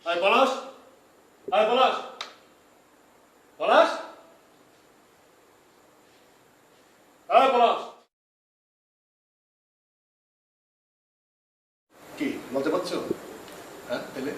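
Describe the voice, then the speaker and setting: A man's voice: high-pitched, sing-song, unhurried, distant mic, heavily acted. An actor playing an annoyed young man who scolds his noisy neighbor in a comedy drama. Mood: shouting. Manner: scolding, shouting commands. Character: irritated young male neighbor, guitarist. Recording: echoey room, mic from afar, music.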